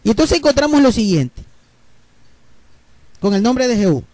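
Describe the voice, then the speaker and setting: A man preaching a Bible teaching sermon, explaining word roots slowly and checking in with his listeners. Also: very high-pitched, very animated, mellow, dry recording. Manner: explains slowly, spells letters out, asks listeners ¿verdad?.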